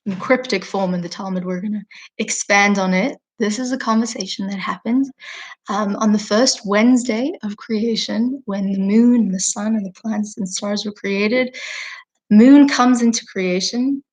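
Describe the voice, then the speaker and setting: Lady teaching a class, casual storytelling, chatty with lots of ums, mid pitch. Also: normal speed, a little mellow. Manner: chatty, informal, frequent fillers.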